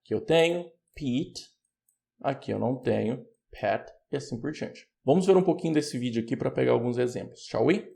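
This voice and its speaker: A man with a Brazilian Portuguese accent teaching English pronunciation, patiently explaining and repeating words slowly. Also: mid-range voice, lively intonation, gravelly, dark tone. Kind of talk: online pronunciation lesson.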